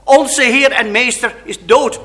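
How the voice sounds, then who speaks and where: Male preacher, slow deliberate delivery, expressive dramatic sermon storytelling. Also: very high voice.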